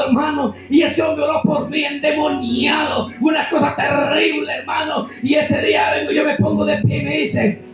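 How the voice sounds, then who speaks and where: A man preaches his testimony at full shout, his voice pitched very high. He sounds distant from the mic, and the church hall around him rings with heavy echo while soft music plays underneath. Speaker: evangelist.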